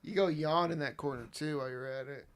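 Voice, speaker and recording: A man's voice: a little high, quick pace. A young man hosting a casual late-night chat, joking and laughing often, sleepy and yawning. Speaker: podcast host.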